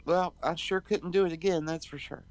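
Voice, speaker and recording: A woman's voice: on the low side, steady tone, a little fast, darkish tone, faint music behind, rough recording. A middle-aged woman joining a casual live-streamed chat, speaking in a dry, understated way. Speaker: host's mother, guest.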